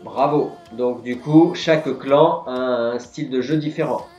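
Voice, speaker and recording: A man's voice: mid-range voice, unhurried, darkish tone. A man hosting a live-streamed board game quiz, reading the questions and patiently explaining each answer. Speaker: quiz host. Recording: roomy, dull lo-fi sound, faint music.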